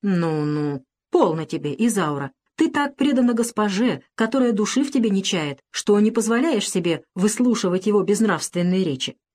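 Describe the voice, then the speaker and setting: A woman reading an ardent young gentleman suitor. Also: medium pitch, lively intonation, moderate pace, few pauses, natural voice. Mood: coaxing. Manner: fervent, coaxing.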